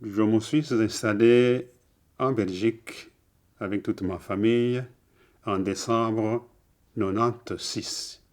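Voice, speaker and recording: An older man from Rwanda giving a measured, deliberate testimony in an interview. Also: on the low side, darkish tone.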